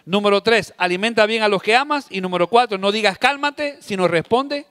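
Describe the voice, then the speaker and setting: A man preaching a sermon as a pastor, emphatic, repeating key phrases and swinging between loud and soft to act out scenes. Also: high-pitched, brisk.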